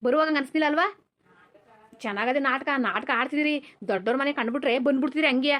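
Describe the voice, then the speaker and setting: A woman voicing a stern, quick-tempered rich village landlord father in a cartoon, scolding and repeating herself. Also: high voice, a bit bright. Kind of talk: cartoon dubbing.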